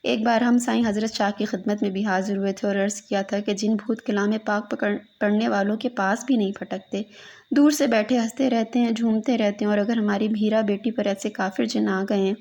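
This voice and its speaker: A woman's voice: mid-range voice, fairly even intonation, darkish tone. A woman reading a literary story aloud as a mournful lament to a lost daughter.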